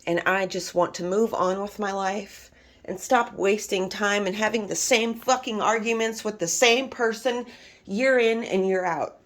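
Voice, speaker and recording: A woman's voice: medium pitch, a little slow. A middle-aged woman venting to her viewers in a casual monologue, emphatic and exasperated, swearing freely. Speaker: vlogger.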